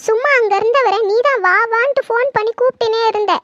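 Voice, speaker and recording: A woman voicing a shrill grieving cartoon mother. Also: fast, a bit bright, no echo. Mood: bitter, scolding. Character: grieving furious mother, sharp-tongued. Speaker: cartoon voice actor. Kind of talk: Tamil horror cartoon dub. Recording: dull dry lo-fi recording.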